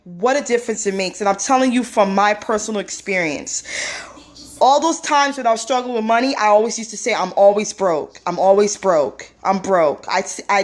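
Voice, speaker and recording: A woman hosting a casual phone live stream, telling a personal story in a talkative way with many fillers. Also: medium pitch.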